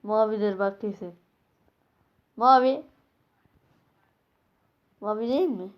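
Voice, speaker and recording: A woman hosting a gaming channel, giving casual gameplay commentary, talking to herself with sudden excited outbursts and slangy restarts. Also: mid-range voice, slow, lo-fi sound.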